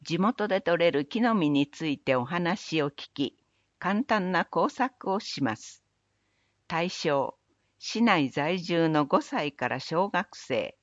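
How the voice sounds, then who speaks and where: A woman reading municipal event announcements in a measured, even recital of dates, places and phone numbers. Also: on the low side, no echo, dull audio. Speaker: city announcer. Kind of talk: scripted public announcement reading.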